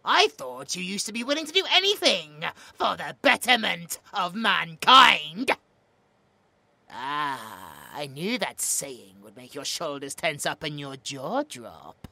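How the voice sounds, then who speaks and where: This heavily acted British-accented man voices a smug, cruel mad scientist in an audio roleplay, sounding smug and needling as he taunts with theatrical, clinical precision. He speaks slowly in a fairly high, gravelly, sharp voice with big pitch swings and no echo.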